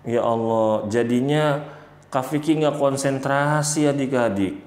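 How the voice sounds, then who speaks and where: A man's voice: medium pitch, a little slow, a little mellow. A man teaching young children about the Quran in a playful way, speaking to them directly and acting out examples. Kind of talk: children's religious lesson. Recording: roomy echo.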